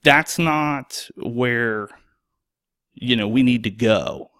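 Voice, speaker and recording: A man's voice: mid-range voice, drawn-out words, a bit bright, no echo, studio quality. A man hosting a solo podcast as an EMS worker, speaking bluntly and sarcastically and swearing freely.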